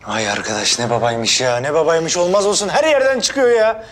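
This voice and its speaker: An actor playing a hot-tempered young man who insists he is calm while he threatens people, in a TV drama. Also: fairly high pitch, a little fast, a little hiss or hum, natural voice. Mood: blustering. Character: short-fused young man, blustering tough. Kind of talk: TV drama acting. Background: background music.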